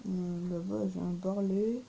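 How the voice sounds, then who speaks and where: A mellow, youthful voice, a kid or teen chatting casually as co-player in a gaming video. The home recording carries light background noise. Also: mid-range voice, steady tone, unhurried, vocal fry, poor audio.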